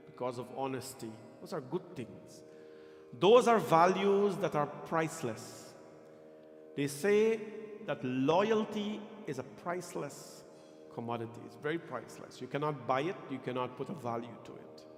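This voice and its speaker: Guyanese man preaching in an echoey hall. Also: mid-range voice. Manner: emphatic, deliberate phrasing with questions to listeners. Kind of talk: religious discourse to a congregation. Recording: echoey hall, long reverb, faint music.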